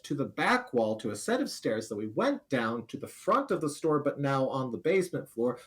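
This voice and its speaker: A middle-aged American man, a streamer guest in a casual interview, telling animated, self-deprecating anecdotes. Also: on the high side. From United States.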